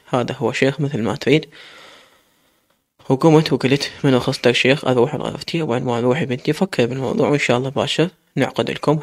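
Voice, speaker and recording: A man's voice: medium pitch, gravelly. A man with an Iraqi accent reading a first-person story aloud in an earnest, emotional way. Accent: Iraqi Arabic.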